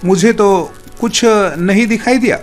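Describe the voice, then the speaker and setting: A man voicing a calm compassionate woman who speaks gently and soothingly. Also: high voice, unhurried, soft background music.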